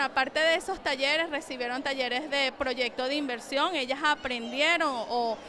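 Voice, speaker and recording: A Venezuelan woman in her forties, a bank coordinator, explaining a loan program in a street interview in a crowded hall. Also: high-pitched. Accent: Venezuelan Spanish. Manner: steady, official-sounding explanation. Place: large crowded community hall. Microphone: handheld reporter mic. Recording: music playing underneath.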